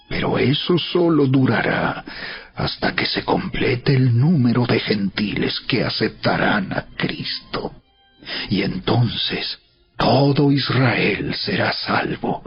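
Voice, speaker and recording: A man giving a dramatized Bible narration as solemn, emphatic oratory with deliberate dramatic pauses. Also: mid-range voice, slightly rough. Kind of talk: dramatized scripture narration, preaching a letter aloud. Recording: dull recording with music behind. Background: background music.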